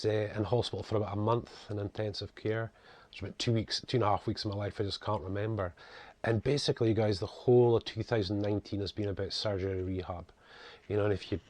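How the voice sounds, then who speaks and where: A man's voice: lowish voice, no echo. A middle-aged man with a broad northeast Scottish accent, slightly toned down, giving a chatty, casual introduction as an author presenting his own videos. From northeast coast of Scotland. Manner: chatty, frequent 'you guys' and 'you know'. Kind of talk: casual spoken introduction to camera.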